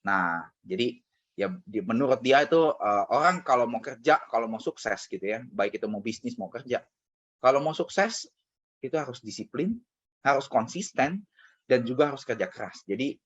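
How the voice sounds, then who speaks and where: A man's voice: medium pitch, expressive, normal speed, breathy edge. A man giving a casual motivational talk to colleagues, telling a personal story with lots of conversational fillers. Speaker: motivational speaker. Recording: dull lo-fi recording.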